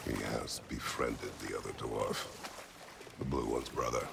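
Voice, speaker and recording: A gravelly grim warrior god. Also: male voice, rumbling low, measured pace, heavily acted. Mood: stern. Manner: terse, flat, commanding. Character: stern grim middle-aged male warrior god. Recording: game audio with background noise.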